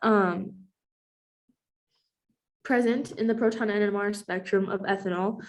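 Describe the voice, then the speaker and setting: A woman's voice: medium pitch, steady tone, a little slow. A young adult woman who has a cold, giving a recorded class presentation as a chemistry student, explaining steadily with frequent ums.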